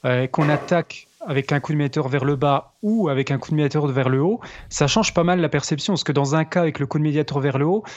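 A man, a guitarist co-host explaining technique in casual chat, pausing to find his words. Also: a little high. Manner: explanatory, pauses to search for words. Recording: slightly dull lo-fi sound.

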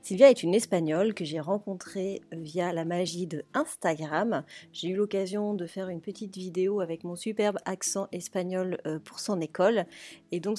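A woman's voice: on the low side, dark tone. A woman hosting a family travel podcast, introducing the episode and her guest in an upbeat, enthusiastic way. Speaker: podcast host. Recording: faint music behind the voice.

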